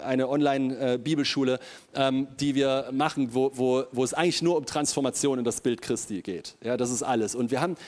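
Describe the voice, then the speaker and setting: A man preaching a sermon to a congregation, speaking animatedly and often repeating himself as he addresses the listeners directly. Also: mid-range voice.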